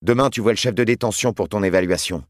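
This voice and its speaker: A man's voice: fairly low pitch, fast, no room sound, pitched above the performer's own voice, lightly acted. Man doing a young prison guard, curt, bossy, slightly raised voice, dry audiobook sound. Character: young male guard acting tough, curt.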